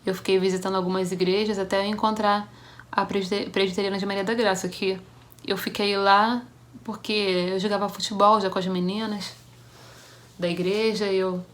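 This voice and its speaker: A young woman from Brazil shares a personal testimony for a church devotional. She tells it as a story, with halting restarts, and acts out the voices of the people in it. Her voice sits at a middle pitch. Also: level tone.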